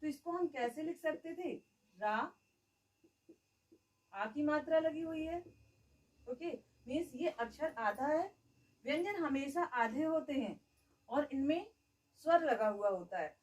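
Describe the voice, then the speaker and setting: A woman's voice: sits high, animated, unhurried, long pauses, darkish tone, distant mic, low-quality recording. A woman teaching a grammar lesson. She keeps asking the class questions and answering them herself, and she says "okay" often.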